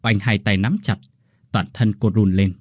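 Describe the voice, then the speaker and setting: A man narrating a ghost story in a steady, expressive storytelling voice. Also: on the low side, measured pace, no echo, studio quality.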